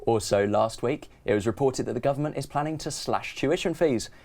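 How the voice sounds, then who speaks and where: Young male student presenter, steady newsreader read, studio setting. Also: medium pitch. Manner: measured newsreader delivery. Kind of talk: student news bulletin.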